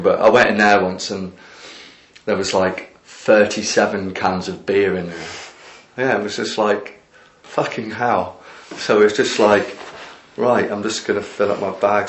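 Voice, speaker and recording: A man chatting casually in a documentary interview, rambling with lots of "like" and "you know". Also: deep voice. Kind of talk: casual recounting. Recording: echoey room.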